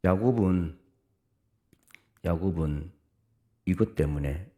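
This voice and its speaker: A middle-aged man preaching a Sunday sermon in a low voice. His tone is dark and mellow, and he swings from quiet, earnest explanation to sudden loud calls. Now and then he stops to read scripture aloud with the congregation. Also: takes it slowly. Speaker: pastor.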